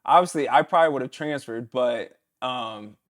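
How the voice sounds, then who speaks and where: He's in his thirties and used to play football professionally, and in this casual interview he spins stories, sometimes copying his coach's hollering. His pitch is medium and his pace moderate.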